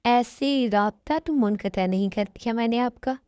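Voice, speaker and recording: A woman voicing a caring young doctor husband who talks softly and protectively, in an amateur fan-story dub. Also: a little high, normal speed, clear, resonant tone, dry recording, clean studio sound, natural voice. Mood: tender. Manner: soft, coaxing and protective.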